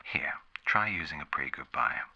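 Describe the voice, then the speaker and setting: A man playing a formal, condescending 1950s public-service ad announcer in a whispered role-play, a soft gravelly voice and deadpan, measured delivery. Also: highs cut off, full character voice. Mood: deadpan instructive. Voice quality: breathy, soft, gravelly low voice.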